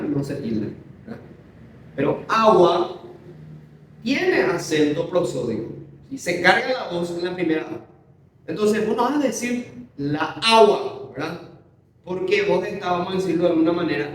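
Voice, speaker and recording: A male teacher with a slightly high voice walks through a grammar lesson, checking in with his class again and again. He sounds set back from the mic in a very reverberant room. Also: a little hiss or hum. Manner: keeps checking understanding with tag questions. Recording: very echoey room, voice distant from mic.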